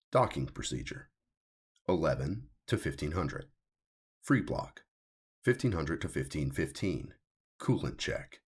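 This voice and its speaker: A man with a rumbling low, gravelly, husky voice reads his own science fiction story aloud as scripted audiobook narration. He takes it in a measured, deliberate manner.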